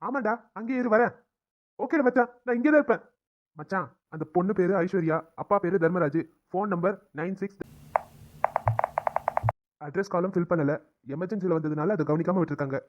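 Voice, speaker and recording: A man gives voice to young cartoon doctors who trade chummy, brisk banter. The voice sits high for a man and moves fast. It comes through a dull, lo-fi recording. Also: background noise, natural voice. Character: young male doctors, the hero and his friend. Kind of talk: cartoon drama dialogue.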